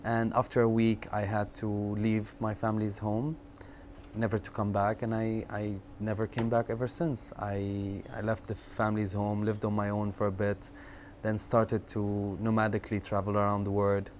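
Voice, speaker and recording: A man in his thirties from Syria, telling his life story in an interview, reflective and halting, often repeating words and pausing on fillers. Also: on the low side, flat delivery, a little mellow. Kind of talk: personal storytelling in conversation. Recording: faint background noise.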